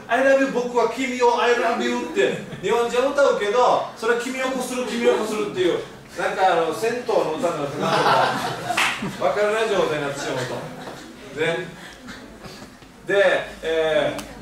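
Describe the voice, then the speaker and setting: A man giving an animated, joking lecture on language and pronunciation. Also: a little high. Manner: animated, jokey, uses Okinawan-flavored sentence endings. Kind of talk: lively public lecture. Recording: echoey hall from far off, faint noise.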